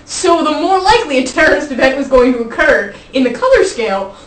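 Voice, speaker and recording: High-voiced woman telling a rambling comic anecdote. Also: sing-song, fairly quick. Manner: rambling, giggly, self-interrupting with asides. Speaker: storyteller. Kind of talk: informal comic anecdote told to a live group. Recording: echoey room, distant mic.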